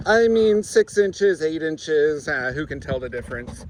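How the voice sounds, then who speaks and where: In his home garage, a man rambles casually through small car projects, relaxed and full of fillers. His voice is on the high side and unhurried, with heavy background noise.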